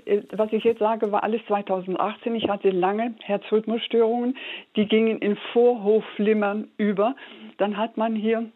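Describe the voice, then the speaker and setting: An older woman calls in by phone. She speaks plainly and sounds a little unsure of herself. Her voice comes through a thin, tinny phone line. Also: mid-range voice. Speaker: caller.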